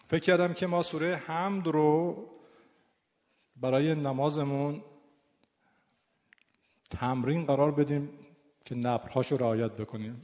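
A man's voice: mid-range voice, dark tone. A middle-aged man teaching Quran recitation to a class, breaking verses into syllables and chanting them aloud. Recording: long hall reverb.

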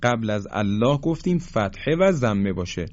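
Male tajweed teacher, steady explainer who stretches out his recited examples; muffled lo-fi recording. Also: on the low side. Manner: explains briefly, then chants examples slowly and drawn out. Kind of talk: tajweed lesson. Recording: dull lo-fi recording.

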